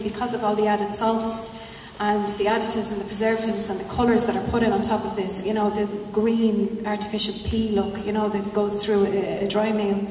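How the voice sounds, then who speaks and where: Answering at a festival panel in a large hall, a woman with a medium-pitched, slightly mellow voice rambles, full of "you know" asides. The recording is roomy, with a distant mic and faint noise.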